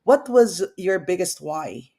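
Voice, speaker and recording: A woman's voice: on the low side, big pitch swings, takes it slowly, vocal fry, warm tone, husky. Enthusiastic woman hosting an interview. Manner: enthusiastic, effusive. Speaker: host. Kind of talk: online interview.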